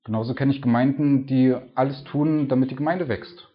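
A man preaching a relaxed, conversational sermon, tossing in little tag questions as he goes. His voice sits at an everyday middle pitch. The recording is dull and somewhat lo-fi. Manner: chatty, keeps adding "ne?"; reads scripture aloud louder and slower. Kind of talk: informal sermon. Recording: dull lo-fi sound.

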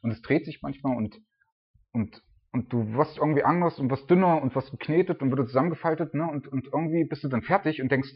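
A man's voice: on the high side, fast, husky, lo-fi sound. A man reading scripture and then explaining it in a casual, talkative way, with many tag questions and fillers. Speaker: preacher. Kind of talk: Bible reading and devotional commentary.

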